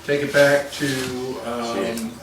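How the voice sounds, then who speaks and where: A man's voice: mid-range voice, little pitch movement, takes it slowly. A man coaching actors through a scene, giving thoughtful notes that he often restarts. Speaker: acting coach. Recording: echoey room from a distance, noisy.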